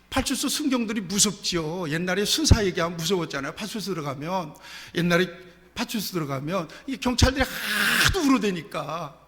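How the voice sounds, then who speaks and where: Male pastor, middle-aged: high, swinging voice, storytelling sermon. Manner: animated preaching with rhetorical questions and personal stories. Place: church sanctuary. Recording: long church hall reverb.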